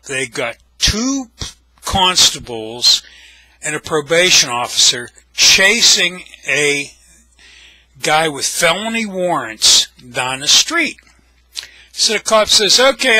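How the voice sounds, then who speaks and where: An older American man with a fairly high, sharp voice tells anecdotes casually, in a blunt, wry, salty way, speaking slowly but very animatedly. He's a storyteller and video blogger, heard on a dry, low-quality recording.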